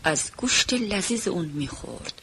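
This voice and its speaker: A narrator telling a children's story in an expressive storytelling way, with a husky voice. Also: medium pitch, a little hiss or hum.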